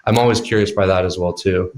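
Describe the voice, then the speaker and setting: A man with a fairly low voice chats casually as a podcast guest. He thinks out loud, circling back and putting reflective questions to the host. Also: fairly even intonation, fast talker. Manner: reflective, asks searching questions. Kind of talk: casual interview chat.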